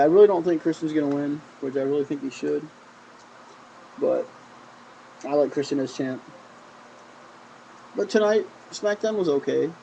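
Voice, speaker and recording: A man's voice: a little high, vocal fry, dark tone, a little hiss or hum, poor audio. A man giving a casual, rambling review of a wrestling show, often repeating "I mean". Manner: rambling, with frequent "I mean" and restarts.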